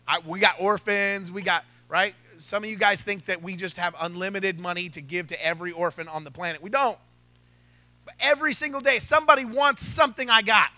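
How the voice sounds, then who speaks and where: A middle-aged male pastor preaching with a very high, bright voice. He jokes, acts out little scenes and keeps asking the congregation for a response. The sound is close and dry. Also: no echo. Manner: lively and joking, acting out quotes, asking the room for responses. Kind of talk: sermon. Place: church hall.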